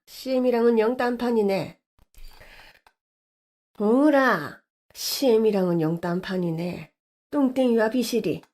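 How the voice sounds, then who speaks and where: A woman voicing a loud, sneering middle-aged woman who bosses others around and yells. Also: fairly high pitch. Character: bossy middle-aged woman bully, gang leader.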